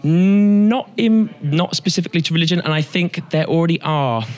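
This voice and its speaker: A young man, a student, giving measured, articulate answers with a few fillers. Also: on the high side, darkish tone. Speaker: student interviewee. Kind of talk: casual vox-pop answers.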